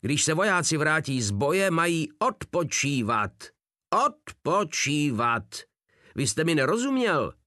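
A man voicing an army colonel who yells a scolding down the phone. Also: a little high, sing-song, no room sound, clean studio sound, voice pushed up. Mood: angry. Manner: yelling, rapid scolding.

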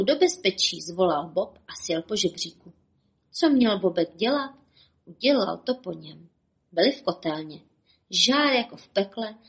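A woman reading a children's story aloud in a lively, playful manner, speaking to the listener. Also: mid-range voice.

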